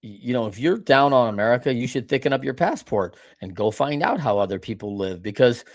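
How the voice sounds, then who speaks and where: A man hosting a podcast interview, chatting casually in an animated, folksy way. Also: medium pitch, a little fast. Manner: animated, folksy, talks in asides. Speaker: podcast host.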